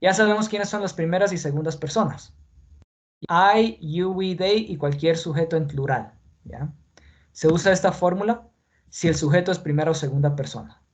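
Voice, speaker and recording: Patient male teacher with a higher voice. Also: a little fast, a little mellow. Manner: patient, repeats points, checks in with "¿ya?". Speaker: English teacher. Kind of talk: classroom grammar lesson in Spanish. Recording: dull lo-fi sound with faint noise.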